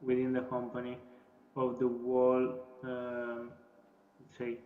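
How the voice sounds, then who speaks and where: A man closing a recorded talk, speaking very hesitantly with many uhs and pauses. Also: medium pitch, completely flat delivery. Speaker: remote speaker. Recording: dull, roomy video recording.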